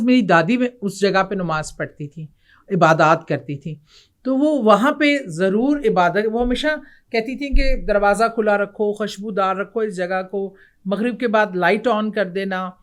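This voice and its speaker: A middle-aged woman from Pakistan, a guest in an interview, telling a personal ghost story with animated retelling and acted quotes. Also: medium pitch.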